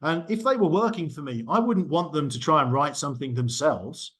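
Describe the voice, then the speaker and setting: A middle-aged man with a fairly high, fairly bright voice and a breathy edge speaks fairly quickly. As a university lecturer in an informal small group discussion, he talks loosely, often using um and correcting himself.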